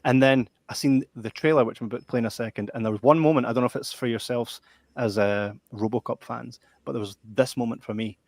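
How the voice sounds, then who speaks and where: A man's voice: medium pitch, steady tone, fast, a little mellow, no echo. A man hosting a casual podcast chat, enthusiastic and rambling with lots of restarts. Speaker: podcast host.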